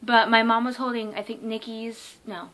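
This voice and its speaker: A young woman telling a casual vlog story, excited and rambling, with lots of ums and likes. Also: a little high, normal speed. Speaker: vlogger.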